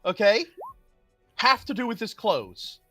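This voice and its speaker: A bright, lively game master narrates a tabletop session casually, with big swings in pitch. The delivery is animated and often breaks into laughter, close and dry over faint music. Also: slow pace, no room sound. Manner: animated, laughing as they talk.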